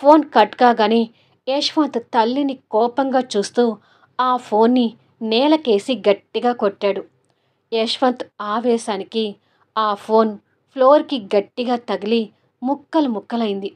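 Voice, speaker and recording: A woman's voice: on the high side, a little slow, a little mellow. A woman narrating a dramatic family audio serial in a scripted storytelling style.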